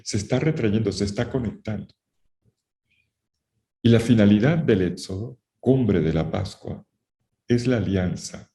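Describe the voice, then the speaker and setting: A man with a low, mellow voice lectures on the Bible to a class, repeating his key phrases for emphasis. He turns to the students often and warns them directly. The recording sounds roomy and echoey. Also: creaky, slight background noise.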